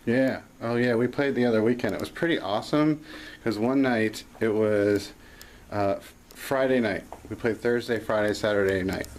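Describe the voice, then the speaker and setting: A man with a fairly low voice tells a long, loose story, circling back with restarts and "like" fillers. He laughs easily between thoughts. Faint noise hums behind him. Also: moderate pace, a little mellow. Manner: rambling, full of restarts and "like", laughs. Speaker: podcast co-host and gigging musician. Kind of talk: casual conversational storytelling.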